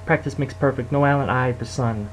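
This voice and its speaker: A man's voice: mid-range voice, fairly quick, a little hiss or hum, poor audio. Young amateur rapper, man, rhythmic rhyming freestyle delivery, mid-range voice. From Detroit area, United States. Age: young adult. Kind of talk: freestyle rap.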